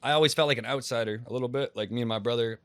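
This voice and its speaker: A man's voice: medium pitch, very fast, fairly bright tone, no echo. A young man from Massachusetts, a rapper talking in a casual interview, rambling and slangy, with restarts and plenty of profanity.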